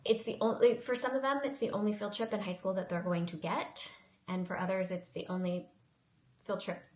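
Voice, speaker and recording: A woman in her thirties, a high school teacher, chatting casually in a vlog, rambling with restarts and asides. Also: roomy sound.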